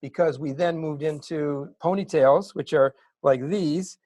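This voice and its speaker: A middle-aged man telling his story as an interview guest, animated and building to excited bursts. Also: a little high, a little slow, no echo. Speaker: interview guest, wig maker.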